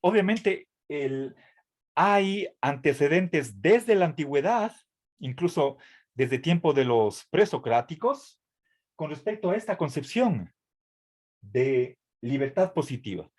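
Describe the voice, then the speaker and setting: A university lecturer with a very animated voice on the high side and a darkish tone speaks slowly in a tutoring lecture. He explains carefully yet hesitantly, with many fillers and restarts, frequently tossing in "¿sí?" to check his students keep up.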